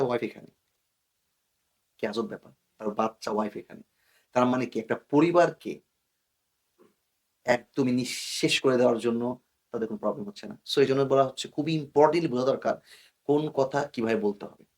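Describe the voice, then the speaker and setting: A man's voice: mid-range voice, a little fast. A man from Bangladesh, a guest in an interview, explaining in earnest, cautionary tones and mixing English words into his speech. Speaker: guest expert.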